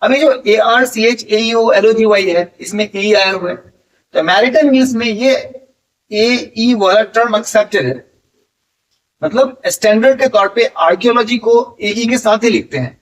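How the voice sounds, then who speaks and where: A man's voice: sits high, measured pace. A man teaching as an English tutor, patiently explaining spelling rules step by step and spelling words out letter by letter. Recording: voice a bit distant from the mic.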